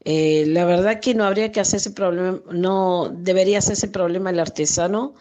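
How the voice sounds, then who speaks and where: An Argentine woman in her late fifties, an artisan and translator, reflecting thoughtfully on words in an interview, often pausing and restarting as she searches for the right phrasing. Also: on the low side, steady tone, dark tone. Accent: Argentine Spanish. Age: 50s.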